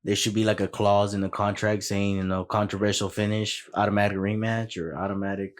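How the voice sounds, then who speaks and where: A man with a low voice on a casual sports podcast, slangy and loose-mouthed with the odd curse. He keeps tossing questions to his friends. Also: flat delivery, fairly quick. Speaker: podcast co-host.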